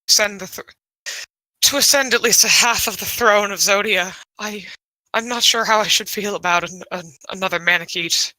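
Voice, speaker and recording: A woman's voice: mid-range voice, bright, forceful tone, no room sound, natural voice, rough recording. A woman playing a shy winged dragon-kin. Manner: hesitant, halting, full of restarts and ums. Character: shy female Manakete with wings. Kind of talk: in-character role-play.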